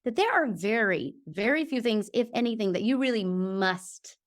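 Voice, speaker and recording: A woman with a high voice, a guest on a video call, explains her points in a lively, emphatic way. She keeps checking in with "okay?" as she talks, and her tone stays casual and chatty. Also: moderate pace. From Georgia, US. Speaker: podcast guest. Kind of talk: casual interview chat.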